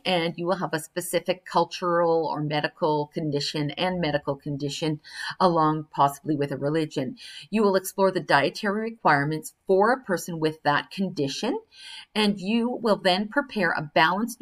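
An older woman teaching a recorded screen-share lesson, explaining an assignment step by step and reading instructions aloud, with fillers and self-corrections. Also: on the low side. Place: indoors at a computer.

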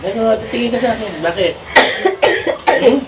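During a healing session, a faith healer sternly questions a spirit, prodding with the same short questions over and over. The medium-pitched voice keeps a moderate pace over a noisy crowd, recorded from far off in an echoey room with loud background noise.

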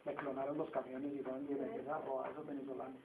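A man's voice: mid-range voice, level tone, very fast, gravelly, very noisy. A man with a Colombian accent giving an emphatic business lecture, who keeps asking the audience rhetorical questions. He sounds far from the mic, with a tinny, echoey tone. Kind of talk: classroom lecture. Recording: distant echoey phone-like sound.

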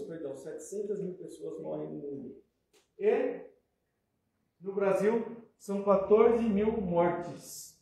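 A man with a Brazilian accent giving a spiritual lecture, conversational, with soft asides and loud emphatic bursts. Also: high voice. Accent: Brazilian Portuguese. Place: hall at a spiritist center. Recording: echoey hall.

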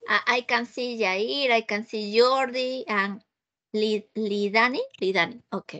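Over a video call, a woman with a Peruvian Spanish accent teaches English patiently, going over points again and frequently asking "ok?" to confirm understanding. Her voice is a little high, steady and a bit bright, though the highs are cut off.

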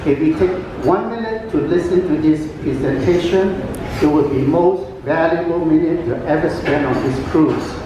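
An older, high-voiced man whose first language is Cantonese competes in a talent show with chatty stand-up full of pauses and fillers. He holds a mic that booms through the PA of a large cruise ship atrium, taped by a camera far back, with background noise.

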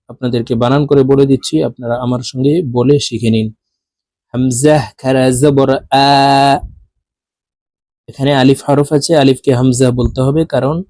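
A man, teaching Quran reading by spelling out syllables and chanting the words in long drawn-out tones. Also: mid-range voice, dark tone, no echo. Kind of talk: Noorani Qaida spelling lesson.

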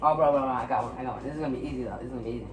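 A man's voice: mid-range voice, very fast, far from the mic. Brash young man, noisy home audio. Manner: brash, trash-talking, swears freely. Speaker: friend and game player. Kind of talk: casual banter during a game.

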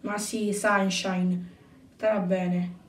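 A woman voicing a calm adult man who speaks quietly and teases the others, in a homemade toy-brick film. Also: a little high, moderate pace, a little hiss or hum, lightly acted. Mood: easygoing. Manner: laid-back, quiet, teasing. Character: calm joking adult man, group member. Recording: roomy, distant mic.

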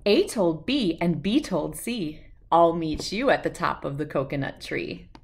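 A woman in her thirties reading a picture book aloud to young children in an expressive, playful, rhythmic way. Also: sits low, measured pace, a little hiss or hum. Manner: expressive, playful, sing-song rhythmic delivery. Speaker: children's read-aloud host.

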